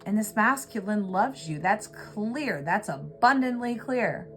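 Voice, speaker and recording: A woman giving an earnest, reflective tarot reading, pausing often with fillers, over a music bed. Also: medium pitch, lively intonation. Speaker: tarot reader. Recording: clear music bed behind voice. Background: background music.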